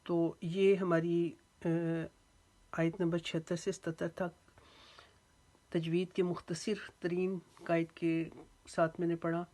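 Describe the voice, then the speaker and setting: Lady with a lowish voice doing a tajweed lesson, stretches out the recited words real slow then explains. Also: little pitch movement, dark tone. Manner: breaks words into syllables and draws out recited phrases slowly; explains rules in plain, patient teaching talk. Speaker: Quran recitation teacher.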